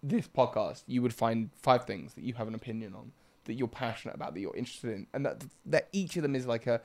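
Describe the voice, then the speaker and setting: A man's voice: medium pitch, quick pace, vocal fry. A tired man co-hosting a live podcast, talking casually and yawning now and then. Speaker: podcast co-host.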